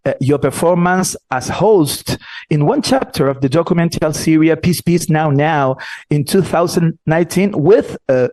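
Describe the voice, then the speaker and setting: Guy interviewing, hesitant, lots of uh, slightly high voice, dry close mic. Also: darkish tone, no room sound. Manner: hesitant, many fillers. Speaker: radio interviewer. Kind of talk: interview questions.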